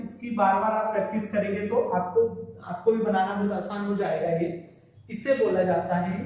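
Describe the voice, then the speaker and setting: A man teaching a math lesson to children, repeating each term, quizzing the class and stressing the pronunciation slowly. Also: sits high, darkish tone. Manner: slow, stressed pronunciation of key words. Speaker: school teacher. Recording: very echoey classroom, distant mic.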